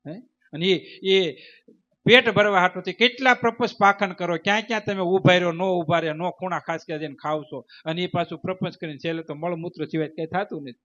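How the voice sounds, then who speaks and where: Male spiritual teacher, high voice, emphatic rhythmic sermon, dull lo-fi sound. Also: steady tone, a little fast, sharp tone. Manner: emphatic, repetitive, rhythmic preaching. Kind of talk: devotional sermon with storytelling. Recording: dull lo-fi recording.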